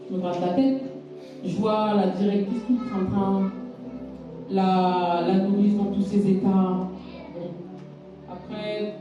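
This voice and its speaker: A woman's voice: mid-range voice, lo-fi sound. A woman preacher giving a sermon with a personal testimony, telling her story with emphatic repetitions. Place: church hall. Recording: echoey hall from far off, faint music.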